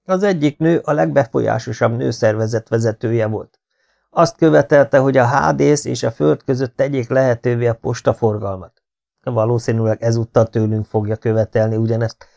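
A male audiobook reader voicing a brisk, practical male conspirator who gives earnest instructions. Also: mid-range voice, fairly even intonation, vocal fry, darkish tone, lo-fi sound, close to an everyday voice. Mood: instructive.

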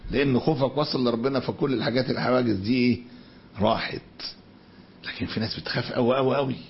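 A man's voice: medium pitch, vocal fry. A man with an Egyptian Arabic accent teaching a colloquial religious lesson, often asking rhetorical questions and then answering them, and moving between everyday talk and recited scripture. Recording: dull lo-fi lecture recording with faint noise.

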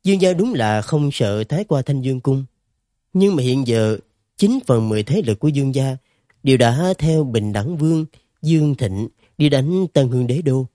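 A man narrating a fantasy story in an expressive, dramatic reading. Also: mid-range voice, normal speed, no room sound, clean studio sound. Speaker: audiobook narrator.

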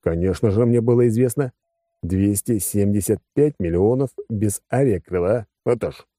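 A man's voice: lowish voice, normal speed, mellow, no echo, clean studio sound. A man narrating a science-fiction audiobook in first person, in a wry, conversational way.

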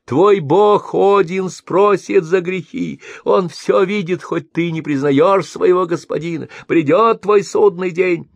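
A man's voice: slow pace, creaky, few pauses, no echo, exaggerated voice. A man doing a whining old blind merchant. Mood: threatening. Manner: whining, complaining, shrill. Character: greedy wheedling old blind male merchant.

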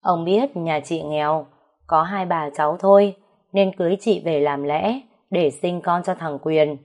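A woman's voice: lowish voice, a little slow, a little mellow. A woman voicing a stern middle-aged man who heads the household and gives orders. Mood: calm. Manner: bossy, commanding.

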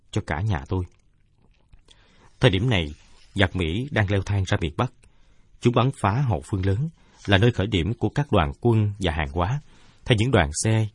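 Guy narrating a story, low husky voice, steady pace, totally dry recording. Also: dry recording. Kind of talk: first-person audiobook narration.

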